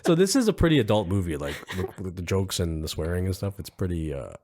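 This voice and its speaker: A man's voice: low voice, very animated, fast, a little mellow. A man co-hosting a casual movie review podcast, laughing often and acting out lines from scenes. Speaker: podcast co-host.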